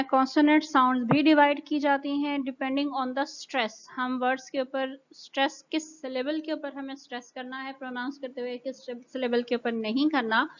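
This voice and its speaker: A woman with a Pakistani accent teaches English pronunciation in a recorded lecture, taking it slowly and stretching out each example word. Her voice sits a little high. The recording sounds dull and lo-fi. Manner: slow and careful, drawing out example words.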